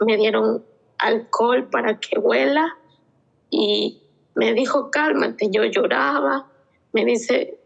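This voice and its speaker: Woman guest, raised pitch with heavy fry, emotional first-person account retold through quoted dialogue. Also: rough recording. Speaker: interview guest, mother of a child victim. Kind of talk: personal testimony in an interview.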